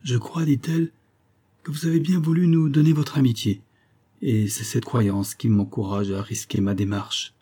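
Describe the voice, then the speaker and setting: A man voicing an anxious young woman who speaks in a hurried, urgent way in a read-aloud novel. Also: mid-range voice, steady tone, mellow, husky, lightly acted.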